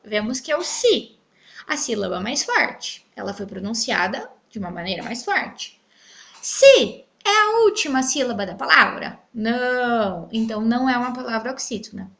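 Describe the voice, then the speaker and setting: Brazilian teacher lady, high bright voice, really bouncy, drags out syllables when she spells words. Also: lively intonation, moderate pace, creaky. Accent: Brazilian Portuguese. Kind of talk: online grammar lesson.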